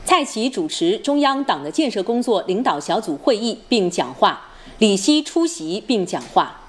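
A woman's voice: mid-range voice, very animated, moderate pace. A woman with a standard mainland Mandarin accent reading headlines as a formal, precise news anchor. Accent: standard mainland Chinese Mandarin.

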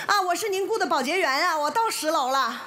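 A woman's voice: extremely high pitch, animated, a little fast, pushed and bright, full character voice. A woman playing a chatty, clumsy, eager house cleaner in a comedy skit, worn out from climbing stairs, exclaiming and complaining. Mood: weary, complaining. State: worn out after climbing ten flights of stairs. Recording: clear background noise.

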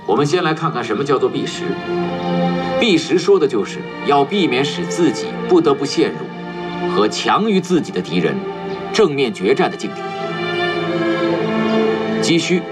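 A man plays a military instructor in a period war drama, lecturing with deliberate emphasis. His voice sits at a middle pitch, and music plays loudly behind him. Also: sing-song, close to an everyday voice. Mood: measured, instructive. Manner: measured, didactic, emphatic. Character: male military instructor teaching guerrilla tactics to officers. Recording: loud background music.

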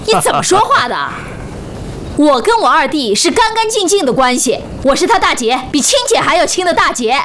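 An actress playing a brash, bossy, protective older sworn sister in a costume drama, blunt and exclamatory. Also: female voice, sits high, expressive, a little fast, slight background noise. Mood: indignant. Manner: blunt, loud-mouthed, exclamatory. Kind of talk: Chinese costume television drama acting. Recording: music behind dialogue.

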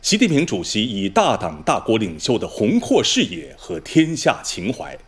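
A man reading scripted news as a formal Chinese news anchor, solemn and measured, in precisely enunciated standard mainland Mandarin. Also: mid-range voice, huge pitch swings.

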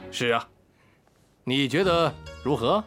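An actor playing a scheming, genial official in a period drama, fussily cordial and coaxing, over background music. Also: male voice, medium pitch, animated, slow, a bit bright. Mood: jovial, coaxing. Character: scheming male official, genial host pushing a match. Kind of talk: Chinese period television drama acting.

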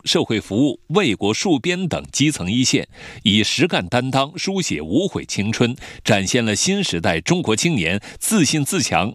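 A man's voice: mid-range voice, a bit bright, dry recording. Dry, formal male news narrator. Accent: standard mainland Chinese Mandarin.

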